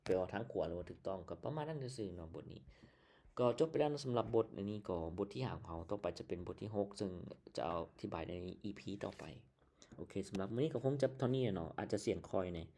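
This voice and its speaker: A man's voice: fairly low pitch, animated, quick pace, creaky, warm tone. A man with a Lao accent teaching English vocabulary in a casual lesson, spelling words out letter by letter, recorded on a computer's built-in microphone. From Laos.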